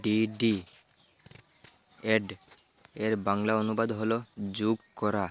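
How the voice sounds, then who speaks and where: A man teaching vocabulary, spelling out English words letter by letter and giving their Bengali meanings in a measured, even way. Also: on the low side, smooth.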